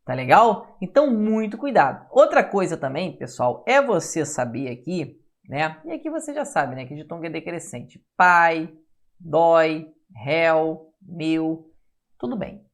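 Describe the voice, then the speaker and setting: A man's voice: fairly high pitch, very animated, normal speed. A man with a Brazilian Portuguese accent giving a class lecture. He keeps checking in with the class with tag questions and sounds out syllables to show how they work. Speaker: teacher.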